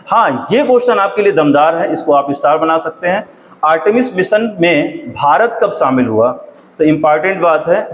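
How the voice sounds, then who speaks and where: A man's voice: fairly high pitch, slight background noise, low-quality recording. Hindi teacher man drilling exam facts. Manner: repeats key facts, asks students questions; clears throat often. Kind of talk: exam-prep current affairs lesson.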